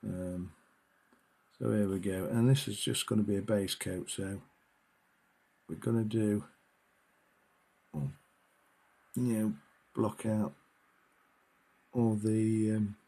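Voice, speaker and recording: A man's voice: fairly low pitch, fairly even intonation, slow pace, creaky, pauses often, mellow. A man giving a casual miniature painting tutorial, talking hesitantly with many fillers.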